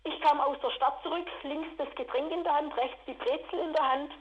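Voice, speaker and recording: A woman, telling her own story in an interview, indignant and rushed. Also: high-pitched, fairly even intonation, narrow, tinny audio, a little hiss or hum. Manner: agitated, indignant, rushed retelling. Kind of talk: emotional personal account.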